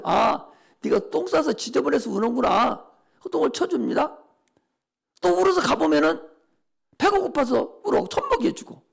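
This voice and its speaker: An older male pastor preaching a sermon with urgency. He repeats and shouts a prayer, then scolds the listeners informally. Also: very high-pitched, gravelly.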